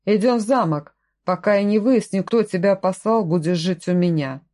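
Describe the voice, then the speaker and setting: A woman's voice: mid-range voice, normal speed, mellow, lightly acted. A woman voicing a stern, curt suspicious man. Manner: curt, commanding, distrustful.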